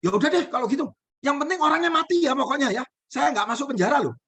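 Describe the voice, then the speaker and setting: A man's voice: extremely high pitch, animated, quick pace, fairly bright tone, voice pushed up, exaggerated voice. A man voicing a fed-up young wife who whines and complains as she schemes. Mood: whiny. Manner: whining, exasperated complaints.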